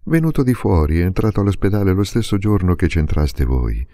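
A man's voice: low-pitched, big pitch swings, fairly quick, mellow. A man voicing a hospital assistant who explains plainly, in an audiobook reading.

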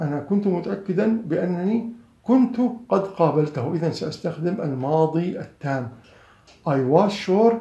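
A man's voice: on the high side, gravelly, warm tone, roomy sound, lo-fi sound. A man whose first language is Arabic, teaching an English grammar and vocabulary lesson. He explains terms patiently, repeats each word and corrects himself as he goes.

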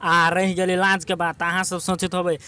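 A young man with a Maithili accent giving casual, rambling, encouraging advice to viewers, with lots of filler words, filmed by his brother in a quiet spot. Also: high voice, level tone, moderate pace, clean tone. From Nepal. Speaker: YouTube tips vlogger. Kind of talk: casual motivational talk to camera.

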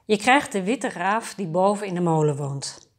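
A woman's voice: medium pitch, expressive, normal speed, natural voice. A woman reading a hearty old miller. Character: kindly male miller, working man.

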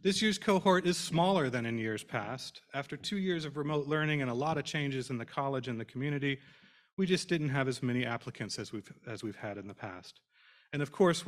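Man giving a formal podium speech. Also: mid-range voice. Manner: formal, measured, trailing off at phrase ends. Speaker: program director introducing scholars. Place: auditorium stage. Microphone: podium microphone.

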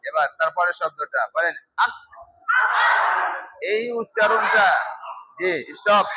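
A man's voice: high-pitched, sharp tone, muffled recording. A man teaching Quran pronunciation in a mosque class, strictly drilling students call-and-response and scolding them.

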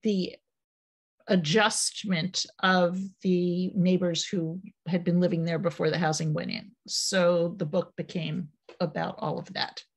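An older woman, an author and former journalist, speaking on a video call from a home office in a slow, thoughtful way with many pauses. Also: lowish voice, steady tone, breathy edge. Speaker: author and panel guest. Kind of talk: panel discussion on a video call. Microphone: video call webcam.

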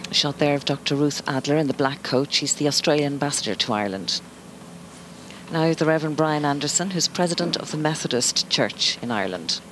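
A commentator introduces a live ceremony in a formal, informative way. The voice is mid-range in pitch, with faint ambient noise behind it. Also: animated, a little fast, a bit bright, low-quality recording. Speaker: broadcast commentator.

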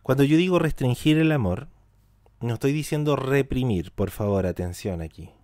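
A man leads a spiritual lesson on mysticism, putting rhetorical questions to his listeners and repeating words for emphasis. His voice sits at an ordinary pitch for a man. The recording is dry and close, with no room sound. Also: expressive, moderate pace, a little mellow, dry recording. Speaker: teacher of Hebrew mysticism. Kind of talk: spiritual talk to an audience.

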